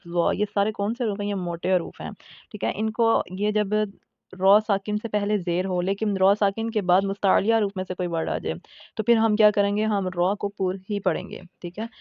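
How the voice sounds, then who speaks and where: A woman teaching a tajweed lesson, patiently explaining recitation rules, repeating her points and slowly sounding out example words. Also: medium pitch, fairly even intonation, gravelly, no room sound, highs cut off. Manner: patient, repeats points and checks in with "theek hai".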